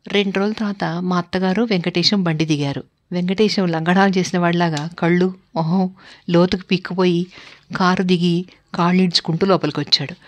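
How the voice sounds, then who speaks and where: Woman, storybook narration, first-person tale, steady, lowish voice. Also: brisk.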